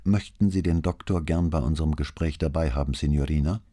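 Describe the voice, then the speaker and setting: A male reader voicing a patient, courteous middle-aged police detective who asks gentle, polite questions. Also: rumbling low, a little fast. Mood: gently probing.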